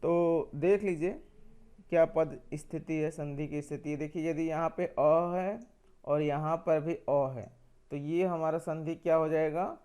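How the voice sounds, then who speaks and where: A man's voice: a little high, steady tone, unhurried, dark tone, clear, resonant tone. A man teaching a grammar lesson, explaining step by step, asking questions and answering them himself, and repeating key points.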